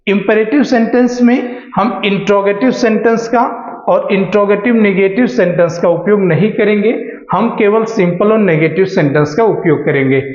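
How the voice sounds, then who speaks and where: A man teaching a spoken English class, explaining grammar patiently and reading example sentences slowly. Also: high-pitched, a little mellow. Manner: explains slowly, reads English examples aloud at a very slow pace. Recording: echoey dull room recording.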